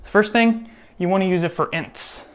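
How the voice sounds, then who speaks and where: In a casual screen-capture tutorial, a programming teacher with a high-sitting voice speaks at a normal speed. Chatty and full of jokes, he often stops to correct what he just said.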